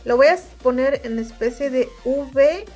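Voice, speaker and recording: Woman, Mexican Spanish accent, high pitch, calm step-by-step makeup tutorial, soft music underneath. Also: measured pace. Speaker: makeup reviewer.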